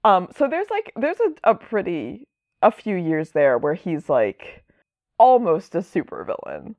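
A woman's voice: fairly low pitch, very animated, a little slow, no echo, dull audio. A woman chatting casually as a podcast host, rambling and enthusiastic. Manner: rambling, enthusiastic, lots of fillers. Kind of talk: casual chat.

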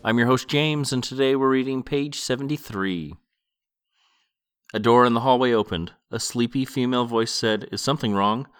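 A man's voice: medium pitch, normal speed, clean tone. A man hosting a podcast, reading a novel aloud a page at a time and adding short comments. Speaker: podcast host and reader.

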